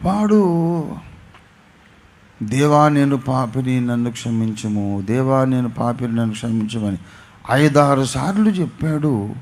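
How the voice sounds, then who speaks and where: A male pastor with a Telugu accent preaches a sermon at a church gathering, acting out an anecdote in an unhurried way with frequent pauses. His storytelling is dramatic, and he voices characters with sudden swings in pitch and loudness.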